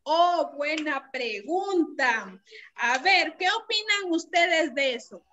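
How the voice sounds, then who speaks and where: A woman's voice: high-pitched, lively intonation, takes it slowly, pushed and bright, muffled recording. A woman teacher giving an online lesson to a class, patiently explaining and asking the students questions. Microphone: computer mic on a video call.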